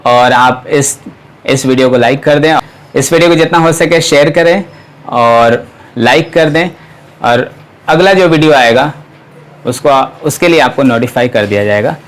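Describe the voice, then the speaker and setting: A man teaching English pronunciation, spelling out words letter by letter and repeating them slowly. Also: medium pitch. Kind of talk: pronunciation lesson.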